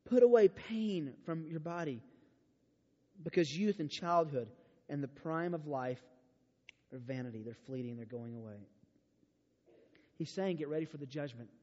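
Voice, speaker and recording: Man preaching to a youth camp, fairly high voice, lively and emphatic, dull recording with long reverb. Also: normal speed, pauses often. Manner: animated storytelling preacher, swings from hushed to emphatic. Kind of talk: sermon. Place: large church auditorium.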